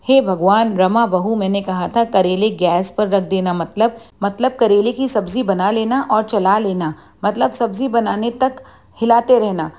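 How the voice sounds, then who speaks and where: A woman's voice: mid-range voice, a little slow, a little mellow, natural voice. A short-tempered middle-aged mother-in-law, as a woman storyteller puts her on. She scolds with exasperation, a storybook family-drama voice. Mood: exasperated.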